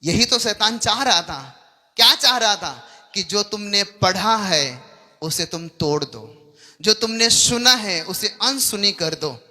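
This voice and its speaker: A man's voice: sits high, animated, slow, bright, forceful tone. A man preaching a sermon, speaking emphatically and often asking the congregation whether they understand. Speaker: pastor.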